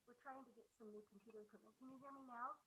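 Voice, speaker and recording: A woman speaks over a computer video call, and her audio keeps cutting out, so she comes through faint and glitchy. Her voice sits a little high and she talks plainly, with a few fillers. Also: fairly even intonation, racing, sharp tone, slight background noise, rough recording. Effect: audio cutting out, faint and broken up. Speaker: nonprofit applicant presenting to a grant panel. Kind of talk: presentation with questions on a video call. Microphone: computer microphone on a video call.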